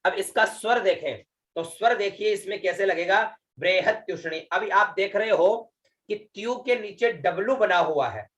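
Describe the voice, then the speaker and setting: Teaching Vedic recitation to an online class, a man speaks in a high, slightly bright voice. He takes his time, patiently repeating words and holding chanted syllables long, with frequent fillers to check on the students.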